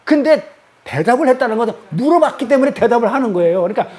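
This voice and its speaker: High-voiced man teaching scripture. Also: animated, fast talker, darkish tone. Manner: asks constant rhetorical questions; emphatic, repeats key words. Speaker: Bible teacher. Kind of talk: Bible study lecture.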